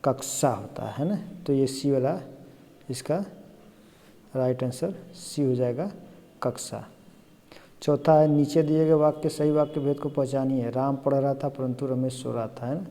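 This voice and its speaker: Man teaching Hindi grammar, dark voice. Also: mid-range voice, fairly even intonation, moderate pace, long reverb tail. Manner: explains step by step, often asks "है ना?". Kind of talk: exam-prep lesson.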